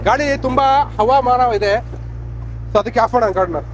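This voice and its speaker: An Indian man with a Kannada accent, hosting a casual car vlog in excitable, slangy exclamations and switching between languages. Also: very high-pitched, very fast, soft background music, poor audio. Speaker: vlog host.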